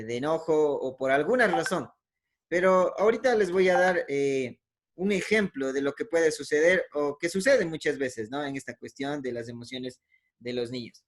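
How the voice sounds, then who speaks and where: A man giving a conversational teaching talk, with frequent "eh" fillers and self-corrections, often tagging phrases with a questioning "¿no?". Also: mid-range voice. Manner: ends many phrases with a questioning "¿no?". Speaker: speaker giving a talk on emotions.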